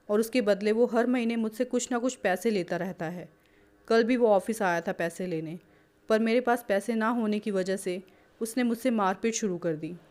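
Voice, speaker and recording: A young sister-in-law from a storybook, anxious and pleading, voiced by a woman. She keeps her voice low and hushed, as though afraid of being misjudged. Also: close to an everyday voice. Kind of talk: storybook character voice.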